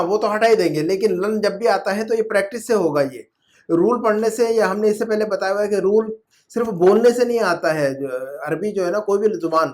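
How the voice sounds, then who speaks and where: A man's voice: sits high, darkish tone. A man teaching a class at home, patient and repetitive, drilling his students with questions. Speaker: Arabic grammar teacher. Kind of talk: online class explaining in Urdu.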